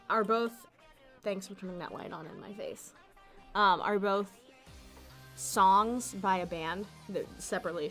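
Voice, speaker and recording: A woman's voice: mid-range voice, fairly bright tone. Giggly young woman streamer rambling. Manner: rambling, giggly, self-interrupting. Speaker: livestreamer. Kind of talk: casual livestream Q&A chat.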